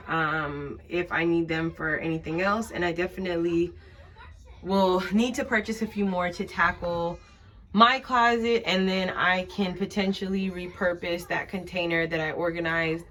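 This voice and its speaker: A woman's voice: fairly low pitch, a bit bright. A woman in her thirties casually walking through her organized home closet, chatting with lots of fillers as she shows each item. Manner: chatty, many fillers, describing items as she shows them. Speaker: vlogger.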